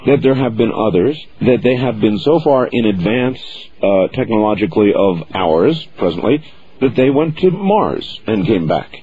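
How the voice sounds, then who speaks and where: A man hosting a call-in radio talk show, with a smooth radio host delivery and an easy, steady way of taking callers. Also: lowish voice. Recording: muffled radio broadcast with faint hiss.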